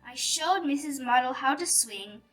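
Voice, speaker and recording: A high-pitched woman reads a picture book aloud to young children, telling the story in an animated, deliberate way. The mic sits at a distance, with music playing behind her.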